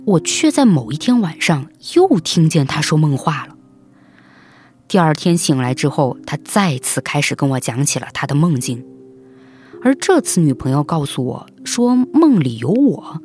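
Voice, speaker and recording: Male narrator for dramatic first-person suspense story, animated intonation, expressive delivery over music. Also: a little high.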